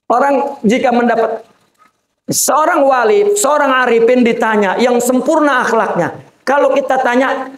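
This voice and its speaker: At an Islamic boarding school gathering, a high-voiced sheikh preaches at a measured pace in an echoey room. His informal sermon is colloquial, sprinkled with jokes, and he addresses listeners as "Pak".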